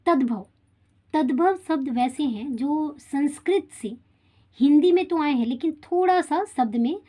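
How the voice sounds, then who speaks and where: A woman with a high-sitting, dark-toned voice speaks at a measured pace while teaching children a Hindi grammar lesson. She addresses them directly and frequently checks in with short tag questions.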